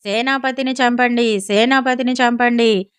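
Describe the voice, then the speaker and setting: A woman's voice: fairly high pitch, fairly even intonation, a little slow, clear, resonant tone, no echo, clean studio sound, close to an everyday voice. A woman doing a furious hot-tempered king. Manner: shouting orders, repetitive.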